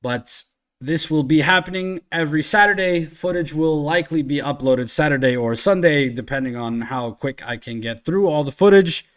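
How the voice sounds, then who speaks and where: A man's voice: on the high side, normal speed. A man hosting a casual podcast with friends, rambling with lots of fillers and swearing, from Iceland. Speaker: podcast host and streamer.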